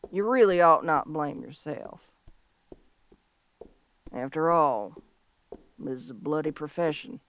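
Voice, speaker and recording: A woman playing a young, tough but tender tomboy bounty hunter of the Old West in an audio role-play, speaking in a folksy, halting, heartfelt way. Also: low-pitched, no echo. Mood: gentle, consoling. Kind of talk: scripted audio role-play monologue, intimate and slow.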